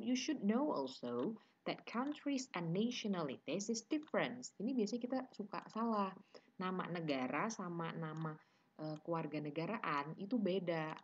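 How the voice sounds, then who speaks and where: A woman teaching English with an Indonesian accent, mixing Indonesian and English in an online class lecture and drilling word pairs slowly. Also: lowish voice, breathy edge, dull audio.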